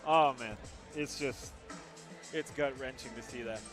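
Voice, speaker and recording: A man's voice: medium pitch, unhurried, over music. A man commentating on mixed martial arts as a fight commentator, often repeating words for emphasis. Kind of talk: MMA commentary.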